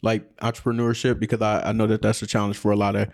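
A man co-hosting a podcast interview, asking questions in a relaxed, conversational way. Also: fairly low pitch, fast. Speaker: podcast co-host. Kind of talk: casual interview. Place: guest's photography studio.

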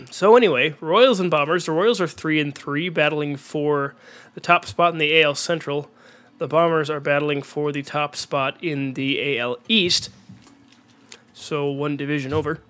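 A young man with a cold, sounding congested and clearing his throat, hosting an excitable amateur commentary on a baseball video game. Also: a little high, measured pace. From Minnesota. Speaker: host and play-by-play announcer.

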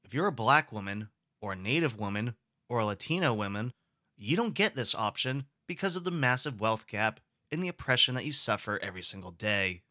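Brief: a male lecturer who explains and poses questions, with a bright tone and a dry, close recording. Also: fairly low pitch, expressive, a little fast, dry recording. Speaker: history lecturer.

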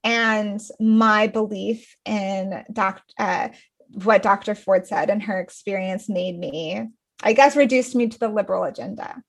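A woman's voice: medium pitch, a little slow. Earnest woman author telling her story. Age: 30s. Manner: earnest, emotional, many restarts and fillers. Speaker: guest author. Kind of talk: podcast interview storytelling.

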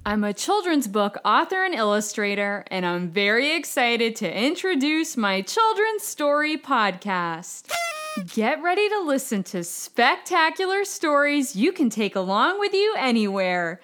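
A woman's voice: a little high, sing-song, unhurried. A woman hosting a children's story podcast, reading scripted promotional narration. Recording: music behind the voice.

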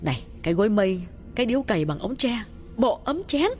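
A man voicing a frightened middle-aged village mistress who speaks in a shaky, hushed way to her servant. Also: sits high, sing-song, quick pace, soft background music, voice pushed up. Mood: terrified.

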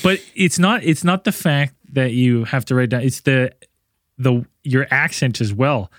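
A podcast co-host chats casually in a loose, rambling way, laughing often as he announces giveaways and tells stories. His mid-range voice is unhurried, and the recording is dry.

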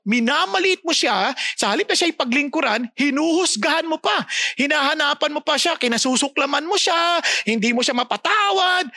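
Filipino woman preacher, high voice, sermon, rhetorical questions. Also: no room sound. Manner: expressive, rhetorical questions to the audience.

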